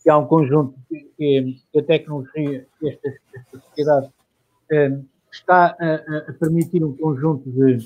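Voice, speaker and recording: A man's voice: fairly high pitch, steady tone, moderate pace. A male guest with a somewhat raised voice talks over a dull, muffled remote line. He hunts for words, repeating and restarting his phrases again and again. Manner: searching for words, many restarts. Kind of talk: discussion answer.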